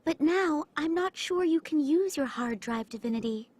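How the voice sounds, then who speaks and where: Histoire, high heavenly goddess voice. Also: female voice, animated, a little mellow. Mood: polite, calm. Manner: polite, formal, measured. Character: small female tome fairy, goddess-like, formal, calm. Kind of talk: scripted game voice acting.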